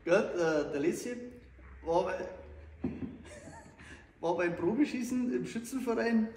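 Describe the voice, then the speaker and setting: A man's voice: high voice, animated, slow pace, a little mellow. A man telling jokes in casual banter as a comedy host. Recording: echoey room, distant mic, faint noise.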